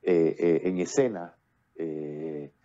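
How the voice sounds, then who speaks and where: Speaking slowly in a low, dark voice, a man in his fifties from Puerto Rico comes through with lo-fi sound. As a playwright and actor guesting on a casual video-call interview, he talks at length in a Puerto Rican Spanish accent, full of fillers and restarts, using earphones with a built-in mic.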